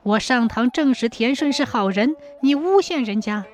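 A woman voicing a pregnant young village wife who is upright and defiant, scolding in a high, indignant voice. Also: animated, moderate pace, faint music behind, natural voice.

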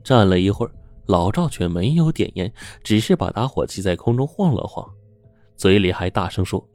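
Low mellow guy telling a spooky story, dry close sound, faint music under it. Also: moderate pace, no echo. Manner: steady, suspenseful telling. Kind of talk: scripted story narration.

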